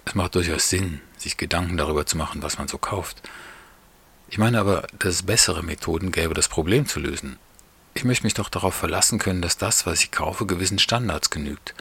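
A man voicing a calm male neighbor who explains things in a measured, slightly scornful, lecturing way. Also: sits low, breathy edge, exaggerated voice. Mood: explaining.

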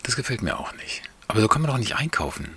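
A man voicing an exasperated married man who complains about shopping in an animated, slightly naive way. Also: medium pitch, fast talker, whispered, voice pushed up. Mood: complaining.

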